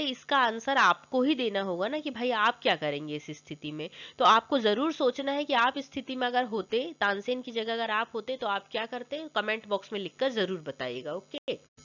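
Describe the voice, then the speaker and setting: A woman teacher walks through school exercises, asking a question and then answering it herself. Her voice sits fairly high and moves a lot in pitch, and the recording sounds dull and lo-fi. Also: a bit bright. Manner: asks questions then answers them, frequent tag questions.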